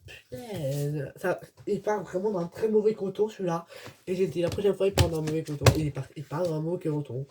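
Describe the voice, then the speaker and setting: A woman with a lowish voice talks fairly quickly in a casual unboxing vlog, opening an advent calendar, laughing between bouts of exasperated grumbling. Clicks and crinkling wrappers fill the background, making the recording noisy.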